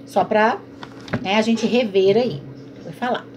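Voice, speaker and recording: A woman's voice: medium pitch, measured pace, darkish tone, slight background noise. A woman teaching a recorded online class, patiently explaining and asking and answering her own questions.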